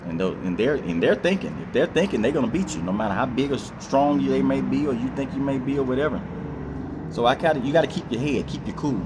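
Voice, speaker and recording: A man's voice: mid-range voice, lively intonation, fast talker, very noisy. A man in a casual advice monologue, rambling and repeating himself with lots of fillers. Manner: rambling, repetitive, with many fillers and acted-out quotes. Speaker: vlogger.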